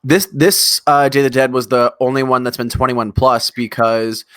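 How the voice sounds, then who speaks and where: A man's voice: mid-range voice, steady tone, normal speed, fairly bright tone, clean tone, no room sound, studio quality. A man co-hosting a casual music chat show, talking with rambling enthusiasm and casual swearing. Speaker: podcast co-host.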